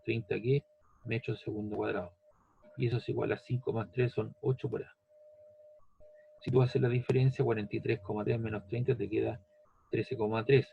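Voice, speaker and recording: Gravelly-voiced man teaching physics patiently. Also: on the low side, narrow, tinny audio. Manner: patient, repeats steps, asks "¿ves?" and "¿cierto?". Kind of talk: step-by-step lesson.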